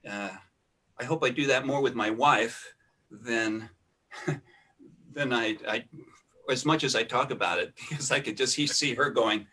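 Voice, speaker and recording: A man's voice: medium pitch, measured pace, long pauses, pushed and bright. A man guesting on a podcast, casually telling rambling stories about recording sessions and thinking aloud as he goes. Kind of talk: casual storytelling conversation.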